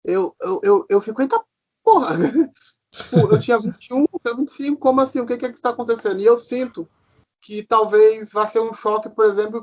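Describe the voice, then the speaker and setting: A man in his twenties co-hosting a podcast, talking casually and animatedly, with surprised exclamations and trailing thoughts. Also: sits high. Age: 20s. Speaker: podcast co-host. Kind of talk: casual chat. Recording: slightly dull podcast audio.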